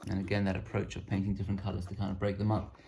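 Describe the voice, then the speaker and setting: Man, low gravelly voice, casual hobby show-and-tell, rambling and self-deprecating. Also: completely flat delivery, very fast, background noise. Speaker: miniature painting hobbyist.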